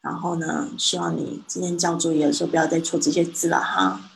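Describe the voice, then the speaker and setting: A Mandarin-speaking woman with a low voice gives a one-on-one English pronunciation lesson. She corrects gently and models each word slowly and clearly. A faint hiss of noise sits under her voice. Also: big pitch swings, poor audio. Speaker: English teacher.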